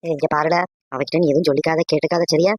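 A performer voicing a bossy, sharp-eared old village matriarch in a cartoon, with a scolding manner. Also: medium pitch, fairly even intonation, racing, dry recording, highs cut off, voice pushed down, natural voice. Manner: scolding, commanding. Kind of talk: animated cartoon dialogue.

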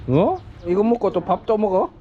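A middle-aged South Korean man vlogs casually from a busy rural family home in Cambodia, narrating, rambling, and often muttering to himself. His voice is high and sing-song at a moderate pace, recorded muffled with crowd chatter around.

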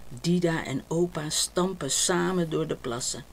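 A woman reading a children's picture book aloud, with slow, gentle, expressive narration. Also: sits low, creaky. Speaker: storybook reader.

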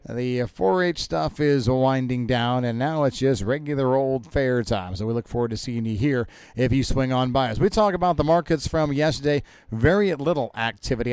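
A man's voice: mid-range voice, a little mellow, clear, resonant tone, no room sound. A man giving grain market commentary in a conversational, emphatic way, broadcasting from a county fair.

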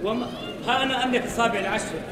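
A man's voice: very high voice, rapid-fire, over a noisy crowd. A man in his thirties narrating and acting a story theatrically, projecting from a stage. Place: large indoor hall on a stage. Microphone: far camera in the audience. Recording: echoey hall from far off, music, audience noise.

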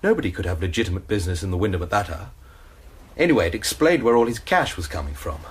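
This actor voices a student suspect in a BBC radio drama: a nervous young man rambling worriedly through his account. He uses a full character voice that is low and breathy-edged, speaking fast with big swings in pitch.

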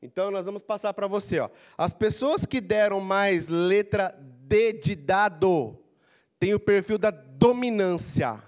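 A middle-aged Brazilian man with a handheld mic, giving an animated career coaching lecture in a large auditorium, prompting the audience to repeat phrases. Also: sits high, unhurried. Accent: Brazilian Portuguese. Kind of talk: lively motivational lecture. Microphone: handheld mic, walking the floor.

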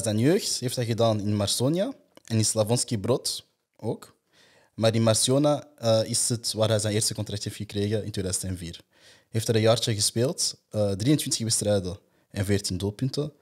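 Man, podcast host, low voice, husky, matter-of-fact reading. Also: normal speed. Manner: steady, matter-of-fact reading of facts and numbers. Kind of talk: casual football podcast.

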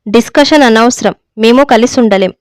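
A woman voicing a grown son living abroad who brushes off his father impatiently. She reads him in a high, clear voice in a dry close recording. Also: moderate pace, dry recording, lightly acted. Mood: dismissive.

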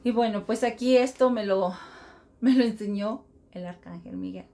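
A woman's voice: medium pitch, moderate pace, vocal fry, mellow. A middle-aged woman giving an earnest spiritual self-help talk, repeating mantras and acting out everyday inner voices.

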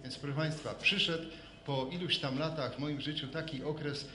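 A man's voice: a little high, fairly even intonation, moderate pace, bright, forceful tone. A middle-aged or older man giving a reflective, storytelling acceptance speech. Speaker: award laureate, photographer. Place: hall at a public ceremony. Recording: echoey hall with clear noise.

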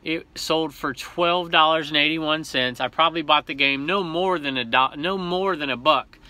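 A man's voice: on the high side, normal speed, sharp tone, dry recording. A man in his forties talking casually about his resale finds, upbeat and rambling, filmed at arm's length in a small cluttered room at home. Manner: chatty, upbeat, rambling with self-corrections. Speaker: reseller vlogger. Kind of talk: casual haul vlog.

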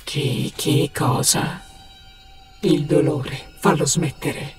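A woman's voice: low voice, extremely slow, full character voice. A woman voicing a cruel nightmare apparition in a video game, hissing cold, menacing accusations. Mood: cold contempt. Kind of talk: dramatic video game acting. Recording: echoing, distant voice under music.

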